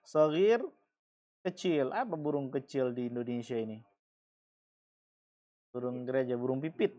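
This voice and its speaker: Male teacher, young adult, unhurried delivery, patient and repetitive, classroom lesson. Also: mid-range voice, dark tone. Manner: slow, repeats and explains each word patiently. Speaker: Arabic teacher.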